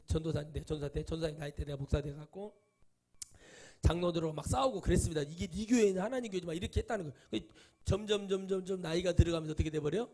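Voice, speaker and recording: Middle-aged male pastor, higher voice, animated preacher firing rhetorical questions. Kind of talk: sermon.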